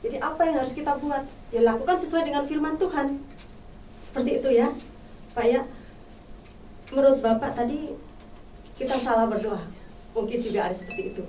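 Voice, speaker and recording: Fervent high-voiced woman, echoey and distant. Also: fairly quick, long pauses, warm tone, a little hiss or hum. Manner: fervent, storytelling, rising to exclamations. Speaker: pastor's wife giving testimony. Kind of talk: church talk show testimony. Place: studio talk show set. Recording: echoey room, distant mic.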